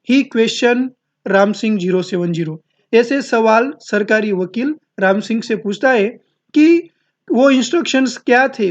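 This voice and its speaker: A male teacher who talks very slowly and takes his time over every word. He reads English lines at a crawl and then explains each phrase in plain terms. The recording is dull and lo-fi. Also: very high-pitched. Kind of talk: explaining an English text in Hindi. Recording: dull lo-fi audio.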